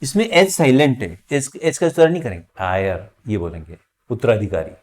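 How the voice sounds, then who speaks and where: A man teaching an English grammar lesson, slowly drawing out each example word as he explains it. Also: mid-range voice, a little mellow. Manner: slow, drawn-out spelling of example words.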